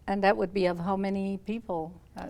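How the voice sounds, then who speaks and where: A woman hosting an interview, prompting her guests with gentle questions and brief affirmations. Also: mid-range voice, fairly even intonation, fairly quick, vocal fry. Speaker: interview host.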